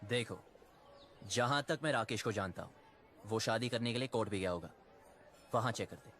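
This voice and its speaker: A man's voice: on the low side, normal speed, noisy background, close to an everyday voice. An actor playing an earnest man who helps search for a runaway couple. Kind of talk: Hindi film acting. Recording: film audio with loud background score.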